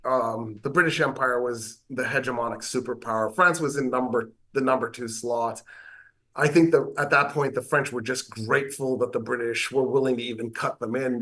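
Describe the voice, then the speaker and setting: An American man, a government professor, explaining history in an interview with animated delivery and wry asides. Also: medium pitch, moderate pace.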